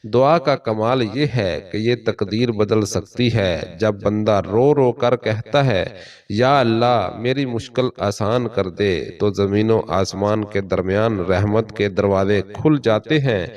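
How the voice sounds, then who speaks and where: A man with a Pakistani Urdu accent giving a solemn, measured motivational sermon in a steady preaching cadence. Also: fairly low pitch, recorded from a distance. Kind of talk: scripted motivational sermon narration.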